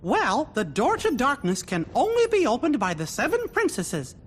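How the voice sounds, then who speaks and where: An actor voicing a cheerful, earnest cartoon mouse king in a squeaky falsetto, from a video game. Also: huge pitch swings, moderate pace, a little hiss or hum, heavily acted.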